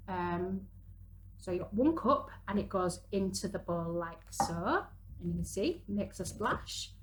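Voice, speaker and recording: In poor audio with slight background noise, a woman in her thirties with a mid-range voice chats her way through a hands-on craft for parents and young children, instructing while she works.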